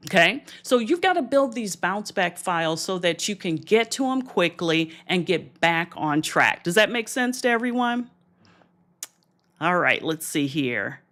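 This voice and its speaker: A woman's voice: lowish voice, big pitch swings, unhurried, a bit bright. A woman business coach talking directly to viewers on a livestream, encouraging and direct, with asides to her audience. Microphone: streaming camera setup.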